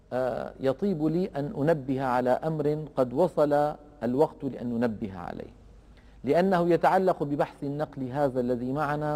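A man teaching a lesson on Quran recitation rules, explaining in a measured way and slowing down to recite examples. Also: a little high, mellow, long reverb tail.

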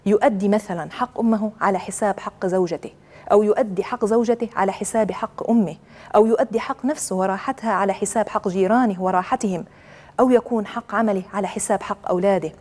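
A woman giving a measured, earnest religious talk, telling stories to make her point. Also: mid-range voice, a little mellow. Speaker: religious speaker.

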